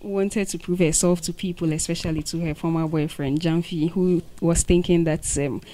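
A woman's voice: lowish voice, fairly even intonation, moderate pace, dark tone, poor audio. A young woman in her twenties with a Ghanaian accent, asking interview questions into a handheld microphone. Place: indoors on a sofa by shelves of mugs.

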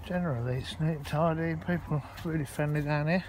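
This allotment vlogger talks fast in a somewhat high, slightly mellow male voice. He wanders outdoors with his phone in hand, chatting and rambling casually, and the recording picks up plenty of outdoor noise.

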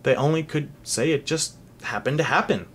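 A reader narrating a storybook aloud for a child in an expressive, animated way. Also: medium pitch, normal speed, a little hiss or hum.

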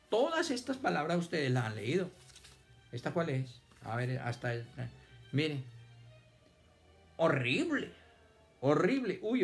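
A man with a mid-range voice teaches children reading and spelling online. He dictates words slowly, breaks them into syllables, and praises his pupils.

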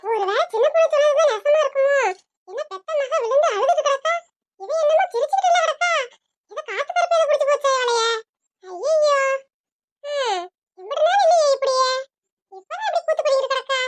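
A woman voicing a bossy, sharp-tongued middle-aged village mother with a Tirunelveli Tamil accent in a cartoon. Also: extremely high pitch, animated, brisk. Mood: puzzled. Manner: scolding, mocking. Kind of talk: cartoon voice acting.

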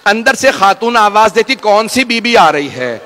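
High, bright-voiced impassioned preacher man. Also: animated, moderate pace. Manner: impassioned, rising to wailing shouts; addresses the gathering directly. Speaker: cleric. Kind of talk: mourning sermon recitation.

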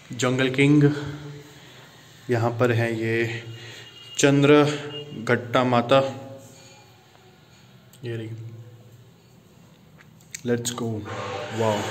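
A male travel vlogger gives a walking tour of an underground temple cave, speaking at an unhurried pace. He exclaims often and slips English words into his Hindi. The sound comes from a handheld phone, with a faint hiss behind him. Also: medium pitch. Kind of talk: walking tour vlog narration.

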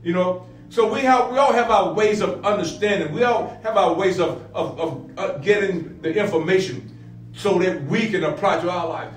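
Recorded in a roomy space with distant echo and faint background music, a middle-aged pastor delivers a Bible lesson like a sermon. He speaks at a normal speed in a high voice, repeating phrases as he climbs to emphatic high points.

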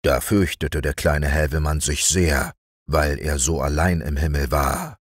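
A man narrating a fairy-tale audiobook in a calm, soothing bedtime reading voice. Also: very deep voice, measured pace, no room sound, studio quality. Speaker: storyteller.

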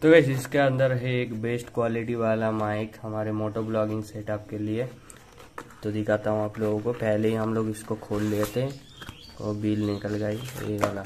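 A man's voice: on the low side, monotone, moderate pace, background noise. A young man casually explaining an unboxing to his viewers as a motovlogger, in a plain, repetitive way.

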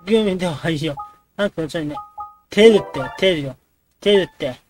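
Man, let's play host, quick speech, joking reactions to a dating game. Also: a little high, music in the background. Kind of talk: casual game commentary.

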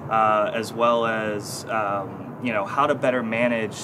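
A man's voice: on the low side, steady tone, unhurried. A man in his thirties, a guest consultant, explaining his work in an outdoor interview with many fillers and restarts. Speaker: consulting team lead, guest. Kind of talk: corporate interview. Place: outdoor stone bench in an urban courtyard. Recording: outdoor city noise behind.

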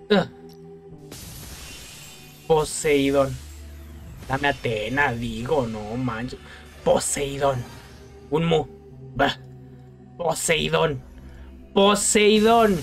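A man with a Mexican accent giving casual gameplay commentary, exasperated and self-mocking and laughing often. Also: fairly high pitch. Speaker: gaming youtuber.

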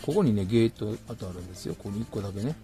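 A man's voice: lowish voice, animated, rapid-fire, dark tone. Kansai-accented man narrating a model build. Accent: Kansai Japanese. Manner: mumbling to himself while working, chatty. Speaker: model kit builder vlogger. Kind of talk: casual hands-on narration.

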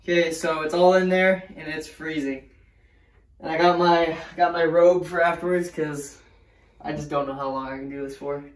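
A man's voice: fairly high pitch, flat delivery, normal speed. A young man chatting casually to the camera as a vlogger. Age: young adult. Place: small home bathroom, indoors. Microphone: camera a few steps away. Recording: echoey room, distant mic, noisy.

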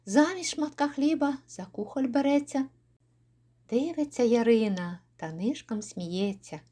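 A woman narrating a poem for an audiobook in a measured, expressive way. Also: on the high side. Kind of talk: audiobook poetry reading.

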